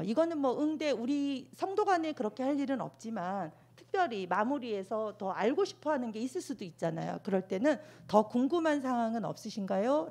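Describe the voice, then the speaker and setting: Middle-aged woman, church class presenter, high-ish voice with lots of melodic movement, acts out sample phone lines. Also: creaky, a little mellow. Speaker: church Sabbath school presenter. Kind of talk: church talk on phone manners.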